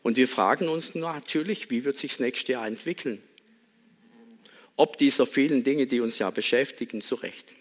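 A man's voice: medium pitch, normal speed. A man giving a sermon in a reflective manner, asking many rhetorical questions and reading a Bible passage. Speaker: pastor.

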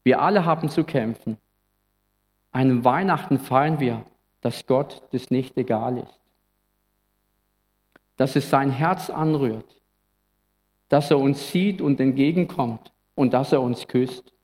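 Pastor preaching under long reverb. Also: male voice, medium pitch, slow, long pauses, darkish tone. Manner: earnest, reflective, sometimes conversational. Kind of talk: Christmas sermon.

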